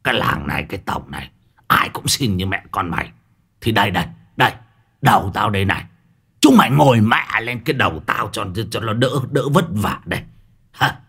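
A man playing a cruel, greedy old village official who curses and yells threats at the poor. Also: fairly low pitch, very animated, fairly quick, slightly rough, heavily acted. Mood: snarling. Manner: snarling, cursing, yelling threats.

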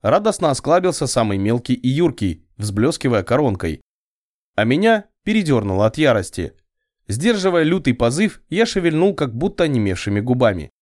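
Expressive male audiobook narrator. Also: medium pitch, moderate pace, no room sound, studio quality. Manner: expressive, ironic storytelling. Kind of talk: scripted first-person audiobook narration.

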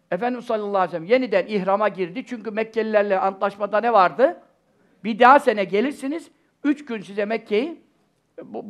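An older man delivers an informal religious lecture in a high, gravelly voice. He rambles conversationally, breaking off into asides and putting rhetorical questions to his listeners. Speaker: preacher.

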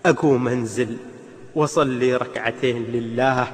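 A man's voice: mid-range voice, fairly even intonation, moderate pace. A man telling a religious story in a dramatic, emotive way, his voice rising suddenly. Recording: long reverb.

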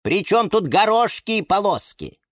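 A man voicing a fussy, excitable male lemon houseplant who turns shrill when upset, in a children's storybook. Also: unhurried, no room sound, studio quality, exaggerated voice.

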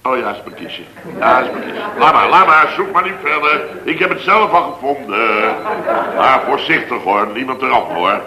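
An actor playing a fussy, easily flustered company boss who stammers through a 1960s radio comedy. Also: male voice, medium pitch, animated, moderate pace, crowd noise, natural voice. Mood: relieved. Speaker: boss of a contractor's firm. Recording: roomy old radio recording.

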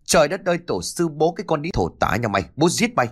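A man's voice: on the high side, sing-song, fast, husky, voice pushed up. A man voicing a hot-tempered younger son who roars curses in a told story. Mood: furious. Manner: roaring, cursing.

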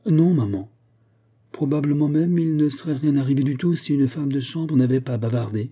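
A man's voice: medium pitch, moderate pace, mellow, breathy edge, pitched above the performer's own voice, close to an everyday voice. A man voicing a remorseful, indignant young noblewoman in an audiobook, pleading earnestly. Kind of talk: audiobook character voice.

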